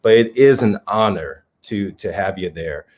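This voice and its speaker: A man's voice: fairly low pitch, measured pace, a little mellow. A man co-hosting an interview show, talking in an enthusiastic, chatty way and laughing easily. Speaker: co-host. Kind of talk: casual conversation.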